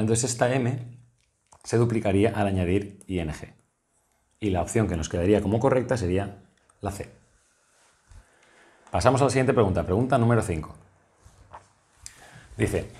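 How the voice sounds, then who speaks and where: A man with a Spanish accent walks through exam questions as a tutor, his voice sitting fairly low. He explains each answer patiently and methodically, pausing often to check that his listeners are following. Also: darkish tone.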